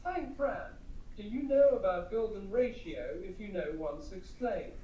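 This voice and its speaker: A synthetic male text-to-speech voice reading out viewer chat messages in a flat, machine-like way. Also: sits high, measured pace, roomy sound, recorded from a distance, slight background noise, rough recording. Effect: text-to-speech chat reader voice.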